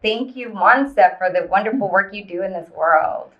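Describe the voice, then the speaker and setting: A woman's voice: mid-range voice, normal speed. An upbeat woman co-host runs through news segments and introductions in a chatty voice. The audio is dull and somewhat lo-fi.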